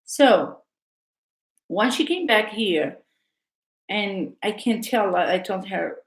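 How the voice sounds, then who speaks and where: Speaking slowly but in an animated way, this woman has a medium-pitched voice, recorded with a roomy sound. She's an Arabic teacher from North Africa, a native Arabic speaker, chatting casually and hesitantly live with lots of fillers and restarts.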